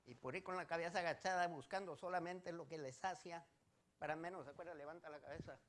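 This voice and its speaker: A man's voice: on the high side, fast talker, a bit bright, slight background noise. A male pastor preaching a sermon, rising to emphatic declarations and putting direct questions to the congregation.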